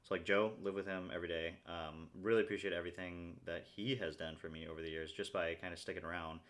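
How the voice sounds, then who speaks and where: A young male vlogger rambles casually to his viewers, frequently tossing in "right?" to check in with them. His voice is low and slightly bright, his intonation fairly even, and he talks fast.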